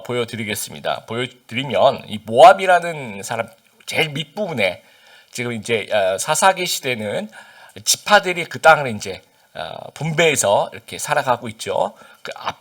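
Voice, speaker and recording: A man with a medium-pitched, fairly bright voice gives a conversational sermon, peppering it with fillers and questions to his congregation. He's a pastor from Busan, and a slight Busan accent comes through his standard Seoul Korean.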